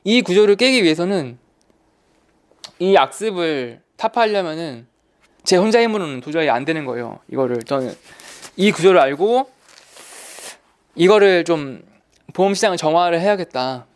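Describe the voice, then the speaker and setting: A man giving an online lecture on insurance, talking in an animated, colloquial way and repeating key words for emphasis. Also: fairly high pitch, moderate pace, long pauses. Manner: animated, acts out salespeople's lines in quotes.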